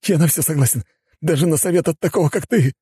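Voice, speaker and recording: A man doing a shrill, panicked guy. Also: quick pace, mellow, slightly rough, dry recording. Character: panicked man, frantic and desperate.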